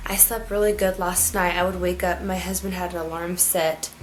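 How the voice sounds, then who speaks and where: A woman's voice: fairly low pitch, fairly even intonation, moderate pace, slight background noise, rough recording. A woman talking casually in a personal vlog, in a rambling, informal, folksy way. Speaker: vlogger.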